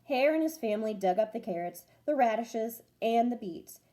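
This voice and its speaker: Female storybook reader, teacher type, high-pitched and expressive, big melodic swings for a young audience. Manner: expressive, deliberate phrasing for children. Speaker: teacher reading stories to pupils. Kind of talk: animated children's storybook read-aloud.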